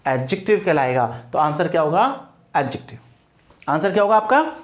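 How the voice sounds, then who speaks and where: A man's voice: on the high side, sing-song, moderate pace. Man teaching grammar. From India. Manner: spells words letter by letter and repeats answers. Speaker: English teacher. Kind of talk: exam-prep grammar lesson.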